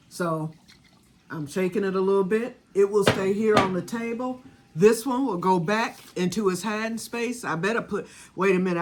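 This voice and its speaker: A woman in her sixties rambles easily to camera about her homemade vanilla batch, addressing viewers directly. Her voice is mid-range, and there's a little background noise.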